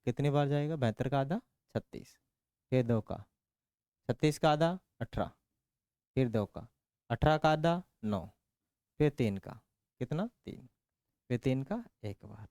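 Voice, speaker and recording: A man's voice: medium pitch, animated, a little slow, long pauses, dark tone, dry recording, clean studio sound. A man teaching a maths lesson in a casual, playful way, working through sums aloud with jokey stories and constant check-in questions. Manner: counts out working steps aloud.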